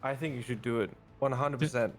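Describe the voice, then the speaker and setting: A man's voice: medium pitch, brisk, faint music behind. A man chatting casually with a game streamer and eagerly offering tactical advice. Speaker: friend co-watching the stream. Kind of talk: casual chat.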